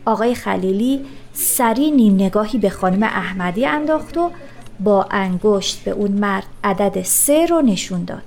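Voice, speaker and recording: Woman, scripted narration, earnest, pointed questions, fairly high voice.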